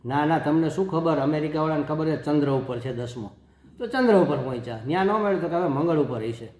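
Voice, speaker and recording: A man, a spiritual teacher giving a discourse in a lively, folksy, conversational storytelling manner. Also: fairly high pitch, fast talker. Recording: echoey room.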